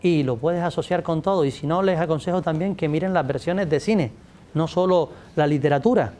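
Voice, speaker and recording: Brisk and a little high, with a darkish tone and slight background noise, a guest literature scholar in his forties answers interview questions about literature. The native English speaker sits at a table mic on a studio set with a pink backdrop, gesturing plenty, restarting many times, and speaking to the audience.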